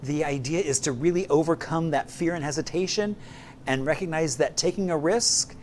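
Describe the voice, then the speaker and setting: A man's voice: fairly high pitch, moderate pace, a little mellow, a little hiss or hum. A man co-hosting a morning show in casual chat, easygoing and jokey, rambling a little.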